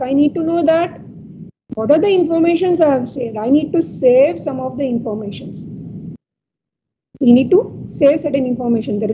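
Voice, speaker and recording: A woman with an Indian English accent teaches a technical class in a high voice, pausing often on fillers and checking in with "okay" and "right". The audio is dull and lo-fi, with steady noise clearly audible behind her. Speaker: lecturer. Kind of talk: technical lecture.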